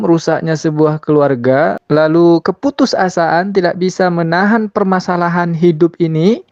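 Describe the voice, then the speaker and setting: A man's voice: sits high, a little mellow, no echo, muffled recording. A man giving religious commentary in a preachy way, addressing listeners directly, chanting scripture verses and laughing mockingly.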